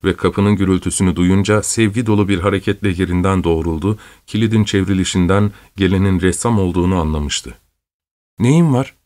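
A man narrating a classic novel in a measured, literary, unhurried manner. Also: low-pitched, fairly even intonation, a little mellow. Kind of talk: scripted audiobook narration.

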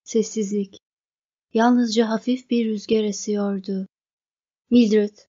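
Slow, measured woman narrating a story. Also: fairly high pitch, steady tone, darkish tone, lo-fi sound. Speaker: audiobook narrator. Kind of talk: scripted narration.

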